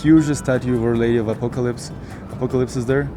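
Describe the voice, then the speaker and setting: A man from Ecuador, casually recommending places as a local guide outdoors in a city. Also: mid-range voice. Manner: relaxed, explaining with pauses and "uh". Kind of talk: casual conversation. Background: background music.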